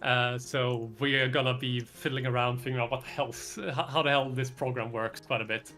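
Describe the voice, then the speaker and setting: A man's voice: medium pitch, fairly even intonation, moderate pace, sharp tone, soft background music. A man improvising narration as game master, hesitant and often searching for words.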